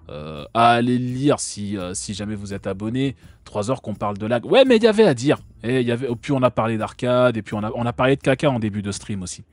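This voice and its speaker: A man's voice: medium pitch, dry recording. A man from France hosting a live stream, talking casually and sarcastically with many fillers and restarts.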